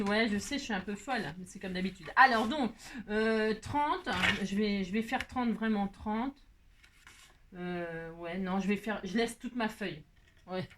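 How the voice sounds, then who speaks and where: A woman's voice: mid-range voice, slight background noise. A middle-aged woman hosting a casual crafting tutorial at her table, chatty and self-mocking, laughing at herself.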